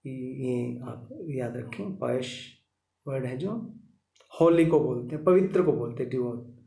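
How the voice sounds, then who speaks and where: A man's voice: mid-range voice, measured pace, gravelly, dark tone, echoey room. A man teaching a vocabulary lesson, repeating each word several times and checking in with his listeners as he goes. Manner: repetitive, drilling each word with "ठीक है".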